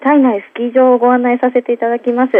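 A woman calling in to a radio show. She reports in a courteous, formal way. Her slightly high voice comes through a thin, phone-like line with no room sound at all. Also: completely flat delivery, fast, dry recording. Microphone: telephone.

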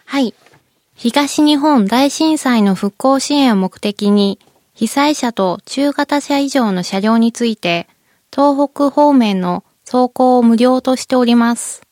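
A woman's voice: a little high, slow, darkish tone, dry recording, clean studio sound. A woman with a cute, anime-like voice giving polite, prepared explanations as a company spokesperson in an interview. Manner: cutesy anime-style "moe" voice, polite.

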